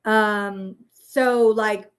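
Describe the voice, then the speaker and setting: A woman's voice: mid-range voice, steady tone, extremely slow. A woman therapist and parent explaining in a loose, searching way, full of "um" and "right?" as she talks it through. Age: adult parent. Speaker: guest therapist. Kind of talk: casual explanatory chat.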